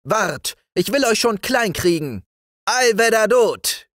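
A man's voice: high voice, animated, slow pace, fairly bright tone, no echo, clean studio sound, voice pushed up, full character voice. A man voicing a cheeky, defiant little boy in a storybook reading.

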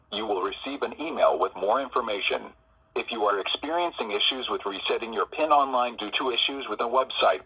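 A man's bright, husky voice plays back as a recorded phone message over a dull, lo-fi line. He reads menu options and notices in a measured, formal, instructive way. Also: medium pitch.

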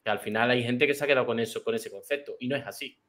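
A man's voice: mid-range voice, racing, fairly bright tone. A man hosting a casual livestream chat. He chimes in bluntly with short agreements.

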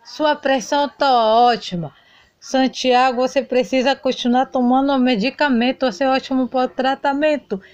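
A woman voicing a calm male doctor in a doll soap-opera parody, speaking slowly in a lowered voice. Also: clean tone, no echo, highs cut off, natural voice. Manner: slow, lowered voice. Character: calm male family doctor, mildly joking.

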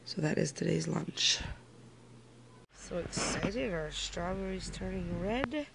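In a very noisy recording, a woman with a fairly low, expressive, slow and gravelly voice narrates a casual vlog. This family vlogger shows her camera her backyard garden and lunch, moving between home and outdoors.

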